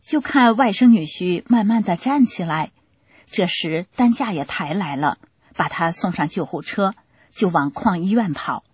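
Lady reading a story out, husky breathy voice, dry close sound. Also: lowish voice, lively intonation, unhurried, darkish tone, dry recording. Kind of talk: scripted testimony reading.

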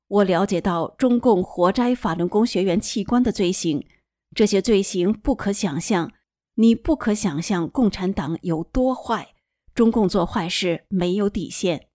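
A woman giving a scripted news report in an even, measured tone. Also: mid-range voice, no room sound, studio quality.

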